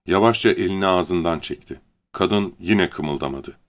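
A man narrating an audiobook in a measured, steady reading manner. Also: low voice. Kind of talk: scripted narration.

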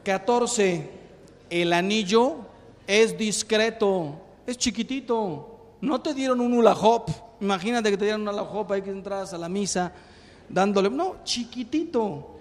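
High-voiced priest in a reverberant hall. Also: male voice, measured pace. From Mexico. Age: 50s. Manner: lively storyteller who acts out jokes. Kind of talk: humorous talk on marriage.

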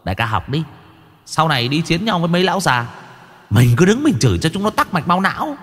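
A cheeky, mischievous spirit sidekick cackling over a street quarrel, as a male narrator voices him. His bright voice bounces up and down with delight in a horror storybook reading. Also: on the high side, sing-song, quick pace, slightly rough, in a large hall, pitched above the performer's own voice, exaggerated voice. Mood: gleeful. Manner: gleeful, cheeky asides to his boss.

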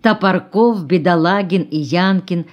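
A woman narrating an audiobook in a calm, measured reading voice. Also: fairly low pitch, highs cut off. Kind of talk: scripted narration.

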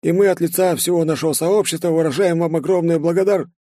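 A polite, formal host, played by a male narrator greets the guests of a gala. His voice is lifted high above the narrator's deep tone. Dry, close recording. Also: steady tone, quick pace, warm tone, no room sound, lightly acted. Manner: formal, courteous.

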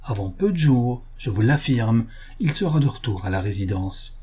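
A man voicing a noble young countess, grave and self-sacrificing, speaking in an earnest, measured, solemn way. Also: mid-range voice, lively intonation, warm tone, husky. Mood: resolved.

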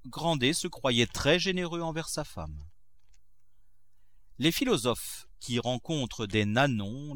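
A man narrating a classic novel in a measured, expressive way. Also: medium pitch. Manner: measured, expressive, acts out characters. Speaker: audiobook narrator.

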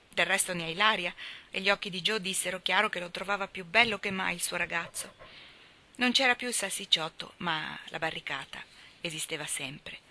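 A woman reads a classic novel aloud, measured and expressive. Her voice is bright and clear, and she carries the narration steadily. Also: on the low side. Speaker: audiobook reader.

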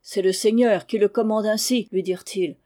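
A woman reading aloud and voicing an excited rustic farmhand, speaking in a raised, eager voice. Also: mid-range voice, moderate pace, natural voice. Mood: earnest. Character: excited farmhand, grown man, rustic and talkative.

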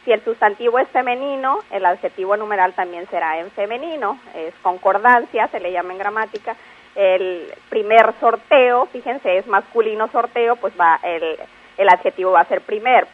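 A woman patiently explaining word usage on a radio language segment, spelling out examples slowly. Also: mid-range voice. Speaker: language expert guest. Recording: phone-like radio line.

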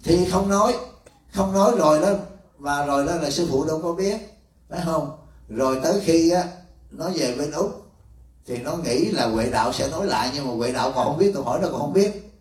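A man's voice: fairly high pitch, fairly quick, darkish tone. A man, a monk, teaching disciples in a folksy, teasing way and acting out little dialogues. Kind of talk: dharma talk to disciples. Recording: echoey room from far off.

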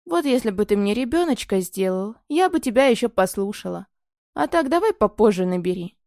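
A woman reading the lines of a sleepy, cheeky young woman just woken by a phone call, in a quiet, drowsy, teasing way. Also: medium pitch, big pitch swings, fairly quick, no echo, studio quality. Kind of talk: audiobook reading.

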